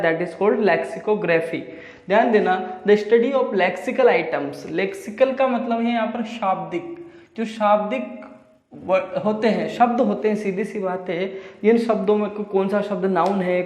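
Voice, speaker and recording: A male teacher giving an exam-prep lecture, explaining slowly and restating each definition in simpler words. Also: high voice, a little mellow. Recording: echoey room with long reverb.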